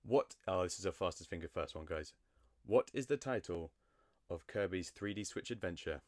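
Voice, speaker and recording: A man's voice: low voice, lively intonation, normal speed, no room sound, clean studio sound. A man hosting a casual podcast quiz, playful and teasing, often giggling. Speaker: quiz host.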